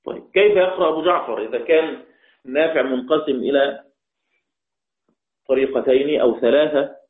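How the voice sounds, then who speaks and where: A man's voice: mid-range voice, brisk. A man teaching Quran recitation, explaining step by step and quizzing his students. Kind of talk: online class explanation. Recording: tinny phone-like line, echoey room.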